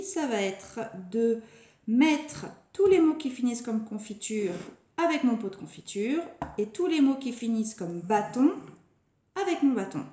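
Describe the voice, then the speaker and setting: A woman teaching a phonics lesson to young children, stretching and repeating each word slowly and deliberately. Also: on the high side, warm tone. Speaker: preschool teacher. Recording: echoey room.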